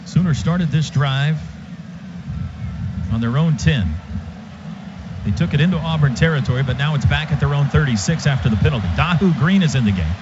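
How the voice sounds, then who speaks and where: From a stadium radio booth, a man calls a football game live in short, clipped present-tense phrases. His voice is a little high, with lively intonation, a moderate pace, and long pauses. The broadcast sounds dull and lo-fi, with stadium noise clearly audible behind him.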